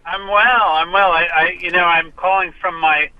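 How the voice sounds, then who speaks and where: A man's voice: high-pitched, steady tone, moderate pace. A man calling in to a radio show from his car, heard through a clipped phone line from a hands-free mic, chatting casually and restarting his sentences. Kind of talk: casual chat.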